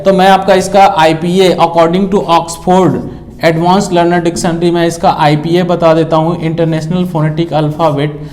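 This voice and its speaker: A man's voice: sits high, a little mellow. Man teaching English grammar, patient. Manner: explains patiently, often checks in with the listener; mixes Hindi with English phrases. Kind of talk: classroom grammar lesson.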